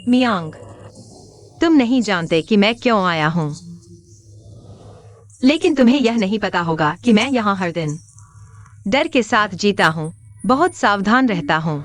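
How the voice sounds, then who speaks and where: A woman's voice: medium pitch, animated, measured pace, pauses often, lightly acted. A woman dubbing a frustrated young office worker in a TV drama, bitter and defensive. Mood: despairing. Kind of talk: Hindi dub of a TV drama. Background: music.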